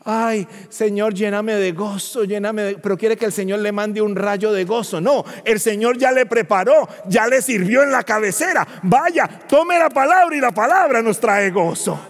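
Pastor, male, high-pitched voice, dramatic sermon delivery, church reverb. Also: moderate pace, few pauses. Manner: swings from hushed to shouted, dramatic storytelling.

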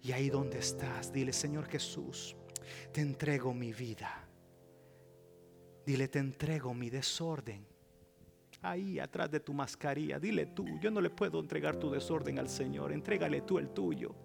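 A man preaching a sermon as pastor, acting out little dialogues, swinging from loud to a whisper. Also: mid-range voice, moderate pace, creaky. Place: church with a live audience. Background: soft piano.

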